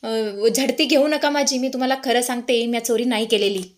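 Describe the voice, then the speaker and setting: A humble village woman pleading in a high, tearful voice, as a woman storyteller puts her on. She begs to be believed and swears on her honesty. Told as a spoken storybook. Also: fairly even intonation, moderate pace, lightly acted.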